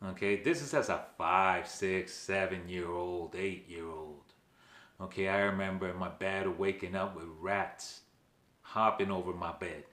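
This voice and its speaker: A Venezuelan man hosts his own channel, talking straight to the camera with emphasis and often checking in with "okay" and questions to viewers. His voice is low, fairly even in intonation, unhurried and a bit bright, in a reverberant space.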